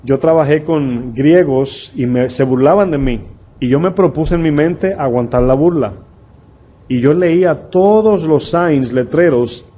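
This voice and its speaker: A man's voice: medium pitch, mellow. A middle-aged man, a pastor preaching a conversational sermon full of rhetorical questions to his congregation. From Dominican Republic.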